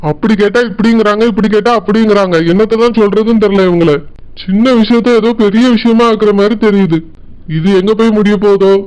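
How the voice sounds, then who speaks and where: A man's voice: high-pitched, fairly even intonation, fast, a little mellow, clean tone, close to an everyday voice. A man voicing a grown village son in a cartoon, frustrated and reasoning with his mother. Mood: exasperated. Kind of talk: cartoon village comedy voice acting.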